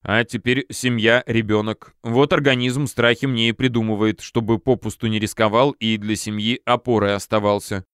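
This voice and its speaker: A man reads a hulking, good-natured boxer friend in an audiobook. He speaks in a plain, slightly gruff way, recorded close and dry. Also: lowish voice, fairly even intonation, moderate pace, few pauses, fairly bright tone, no echo, lightly acted. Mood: sheepish. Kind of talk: audiobook character reading.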